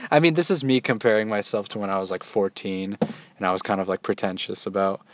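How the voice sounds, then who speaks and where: Young man rambling casually, lowish voice. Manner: loose, halting, many restarts and fillers. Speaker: solo vlogger.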